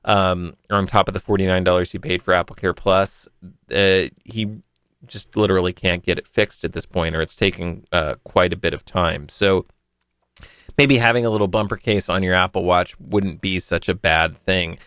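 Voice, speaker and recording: A man's voice: deep voice, fairly even intonation, normal speed, fairly bright tone, smooth, dry recording, studio quality. A man hosting a podcast, chatting casually and rambling a little as he answers a listener. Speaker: podcast host. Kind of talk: casual tech podcast talk.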